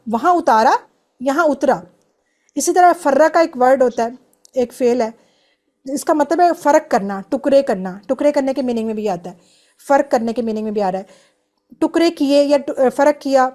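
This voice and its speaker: A woman's voice: high-pitched, a little mellow. Patient woman teaching grammar online. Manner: patient, explains step by step, drills conjugations. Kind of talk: online class lesson.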